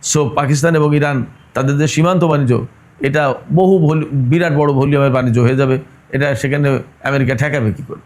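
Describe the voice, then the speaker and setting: A man's voice: mid-range voice, steady tone, a little fast, darkish tone. A man giving opinionated political commentary, arguing hard and firing rhetorical questions straight at his listeners. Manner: addresses listeners directly.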